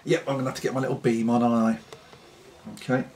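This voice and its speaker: Unhurried British man chatting casually. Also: medium pitch, flat delivery, a little mellow, a little hiss or hum. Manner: unhurried, rambling, with pauses. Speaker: pipe-smoking vlogger. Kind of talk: casual unscripted chat to camera.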